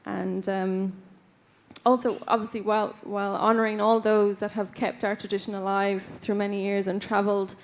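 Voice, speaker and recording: On a ballroom stage, a folk musician from the west of Ireland accepts an award at the microphone in her Irish accent. Her voice is medium-pitched and level at a normal speed, and she speaks hesitantly, full of fillers and restarts.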